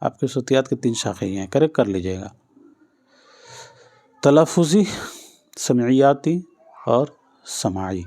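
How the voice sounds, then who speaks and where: Male tutor, mellow tone, patient exam-drill delivery, repeats key answers. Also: mid-range voice, vocal fry. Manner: patient, repeats each answer, addresses listeners directly. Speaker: teacher. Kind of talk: exam-prep lesson.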